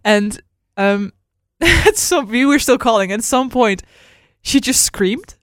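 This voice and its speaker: Woman host telling animated stories, dry room. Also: on the high side, slow pace, dry recording. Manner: animated storytelling, acts out quotes with laughs. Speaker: podcast host. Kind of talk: casual chat. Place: studio.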